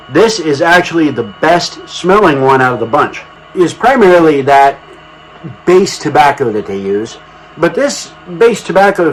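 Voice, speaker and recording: A man's voice: a little high, fairly bright tone, poor audio. A man chatting casually to camera as a product reviewer, with a folksy, colloquial and emphatic way of talking. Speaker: product reviewer and channel host.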